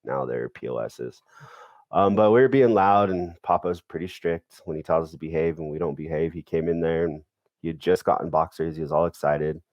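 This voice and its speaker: A man's voice: very deep voice, fairly quick, no room sound, highs cut off. A middle-aged man, a podcast guest, telling family stories in a laid-back, laughing way. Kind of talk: casual storytelling.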